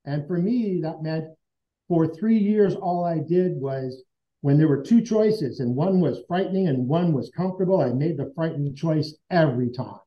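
A man's voice: fairly high pitch, normal speed. Earnest man telling his story. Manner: earnest, conversational, acts out remembered dialogue. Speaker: interview guest. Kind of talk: personal storytelling in conversation. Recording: dull lo-fi sound.

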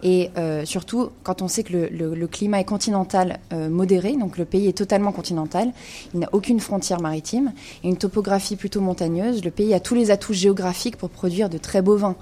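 A woman's voice: medium pitch, fairly quick, mellow, slight background noise. A woman giving a radio wine segment, explaining in an informative way with frequent hesitations. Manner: informative, many hesitations with euh. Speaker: wine columnist.

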